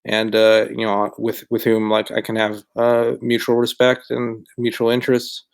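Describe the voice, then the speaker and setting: A man speaking on a casual discussion podcast panel, measured and flat, with frequent fillers. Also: on the low side, creaky.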